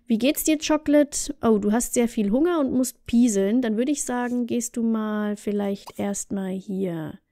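A woman hosts a let's play in a relaxed, chatty way, often speaking straight to the characters on screen. Her voice sits a bit high but sounds soft and mellow, and her commentary stays casual throughout. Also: measured pace, hardly any pauses, dry recording, studio quality. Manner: chatty, talks to the game characters.

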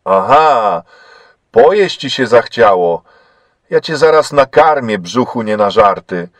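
A man voicing a cruel, hateful prison camp cook who barks his words gruffly, in a read-aloud story. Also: medium pitch, animated, normal speed, dry recording, lightly acted. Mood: mocking. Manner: gruff and barking.

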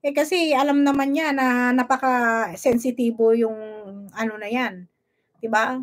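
A woman from the Philippines hosting a vlog, chatting casually about a video, laughing often and reading out viewer shout-outs. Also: on the high side, steady tone, unhurried. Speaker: vlog host commenting on a video. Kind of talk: casual live commentary.

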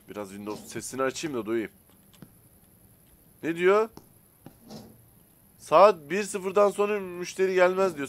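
A man casually commenting as he plays a simulator game, chatting to viewers and to the characters, and bursting out loudly when annoyed. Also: mid-range voice. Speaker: gaming streamer. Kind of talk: casual let's-play commentary.

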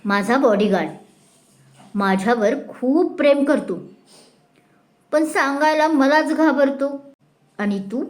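A woman's voice: high voice, slow, long pauses. A drunk young film star, slurring and brash, as a woman puts her on. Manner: slurred, babbling, cheeky.

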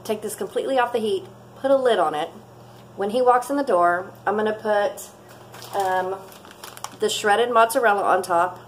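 A woman in her 40s chats casually and rambles through a cooking vlog in her home kitchen, laughing often. Her voice is mid-range, and a fixed camera at close range picks up a little hiss or hum.

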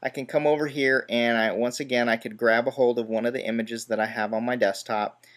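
A man explaining software steps one by one in a relaxed screen-recorded tutorial, with small self-deprecating asides. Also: mid-range voice, brisk. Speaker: tutorial host.

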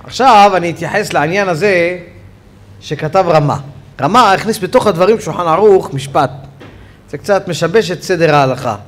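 In a study hall, a high-voiced man with an Israeli Hebrew accent teaches Torah, covering the laws of the Sabbath. He's a rabbi who tells stories with animation, and his voice shoots up sharply when excitement takes over.

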